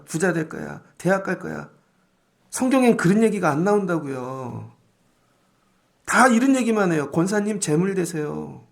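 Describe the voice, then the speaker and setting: A middle-aged male pastor preaching a dawn sermon in a lively, colloquial way, acting out quotes of people as he goes. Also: high voice, vocal fry.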